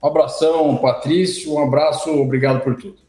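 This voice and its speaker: A man's voice: on the high side, fairly even intonation, a little fast, warm tone, reverberant. A man, a guest calling into a radio show, thanking the hosts with some hesitant filler.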